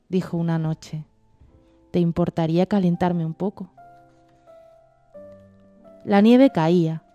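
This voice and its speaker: Woman, storybook narration, mellow warm voice, measured reading, faint music underneath. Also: mid-range voice. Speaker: story reader.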